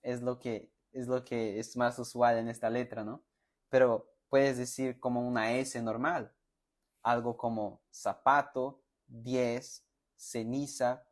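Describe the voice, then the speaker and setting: A man teaching a pronunciation lesson, slowly sounding out example words and syllables for learners to repeat, with friendly check-in questions. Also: mid-range voice. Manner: slow, deliberate, sounds out words and syllables for repetition; friendly, addresses students directly with check-in questions. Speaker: Spanish teacher.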